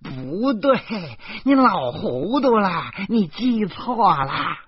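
A man voicing a bossy, sarcastic older aunt who nags in a drawn-out mocking tone, on a slightly muffled recording. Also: sits high, sing-song, breathy edge, no echo, pitched above the performer's own voice, exaggerated voice. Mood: boastful, scolding.

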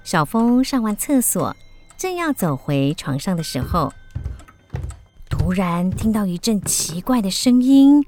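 A woman's voice: medium pitch, very animated, measured pace. Woman narrating a children's story. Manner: gentle, lilting storytelling. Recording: children's music underneath.

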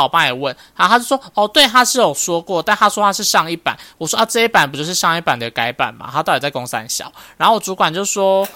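A woman in her twenties with a Taiwanese Mandarin accent, co-hosting a casual podcast and telling a story in a blunt, animated way with some swearing. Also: lowish voice, no room sound. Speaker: podcast co-host. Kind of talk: casual chat.

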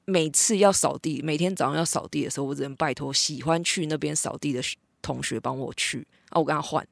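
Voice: mid-range voice, quick pace, vocal fry, dry recording, studio quality. A young adult, a podcast co-host casually recalling school days in matter-of-fact anecdotes.

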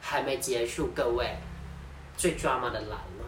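A woman's voice: rumbling low, normal speed. A young woman, telling a story in casual podcast chat with lots of laughter. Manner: animated storytelling, laughs often. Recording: echoey room, distant mic, background noise.

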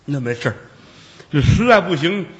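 A man's voice: a little high, sing-song, moderate pace, fairly bright tone, pitched above the performer's own voice. A man voicing a scruffy, joking monk who talks offhandedly. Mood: reassuring. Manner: offhand, reassuring. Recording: long reverb.

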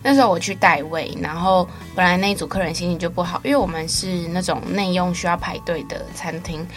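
Young Taiwanese woman, slightly low voice. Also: steady tone, a little fast, soft background music. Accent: Taiwanese Mandarin. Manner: chatty, laughs at her own stories. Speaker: radio show co-host. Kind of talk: casual chat. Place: campus radio studio.

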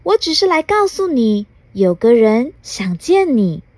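A tiny, chirpy storybook elf with a squeaky voice pitched far above the reader's own, as a mother puts him on while reading aloud. He teases with a bright, playful bounce and lively rises and falls. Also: unhurried, no room sound. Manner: chirpy, teasing.

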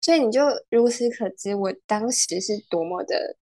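A young woman, a podcast guest telling stories in a giggly, animated way. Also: medium pitch, moderate pace. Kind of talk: casual chat.

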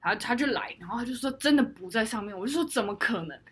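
A woman's voice: on the high side, animated, fast talker, a bit bright, slightly rough. A woman co-hosting a podcast, telling a story with lots of laughter and English words mixed in. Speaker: podcast co-host. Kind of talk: casual chat.

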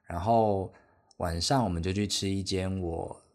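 Low-voiced young Taiwanese podcaster rambling. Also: male voice, fairly even intonation, measured pace, darkish tone. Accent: Taiwanese Mandarin. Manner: rambling, self-deprecating, chatty. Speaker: podcast host. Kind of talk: casual solo podcast storytelling.

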